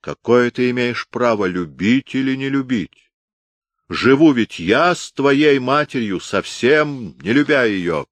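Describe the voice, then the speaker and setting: A man's voice: mid-range voice, expressive, slow, no room sound, voice pushed up. A man voicing a scheming, domineering old field marshal who barks orders in a historical audiobook.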